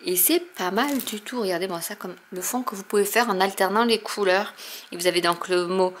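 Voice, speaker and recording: A woman's voice: mid-range voice, fairly quick, slight background noise. A woman hosting a crafting channel, chatting casually with many fillers as she shows and explains products. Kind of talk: casual unboxing chat.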